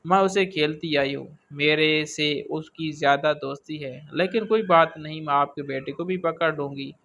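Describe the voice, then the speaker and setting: A man's voice: on the high side, creaky, fairly bright tone. A man voicing a pampered, meek young girl, the only sister, in a storybook reading.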